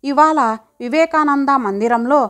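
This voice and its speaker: A woman's voice: high voice, unhurried, a bit bright. A woman voicing a mild retired old father in a storybook reading, speaking plainly and conversationally. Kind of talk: audiobook character reading.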